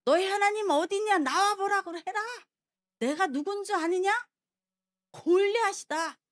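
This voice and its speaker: A boastful giant warrior hurls shouted, mocking threats at a frightened army, as a woman preacher acts him out. The voice sits high and swings widely in pitch, loud and sneering. He is sure of his own strength and scornful of his foes. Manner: taunting, shouting challenges.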